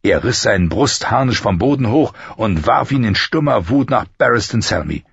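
A man narrating a fantasy novel as an audiobook, in a measured storytelling manner. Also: on the low side, animated, gravelly, dull audio, a little hiss or hum.

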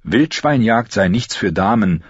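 Expressive male audiobook narrator. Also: fairly low pitch, measured pace, husky, no room sound, highs cut off. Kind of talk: scripted narration.

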